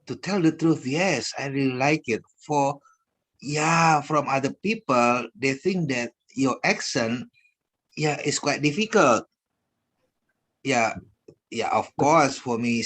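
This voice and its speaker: A man's voice: mid-range voice, slow pace, a bit bright. A man with an Indonesian accent teaching an English class, enthusiastic and chatty, laughing often and tagging his sentences with "ya". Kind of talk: casual class chat.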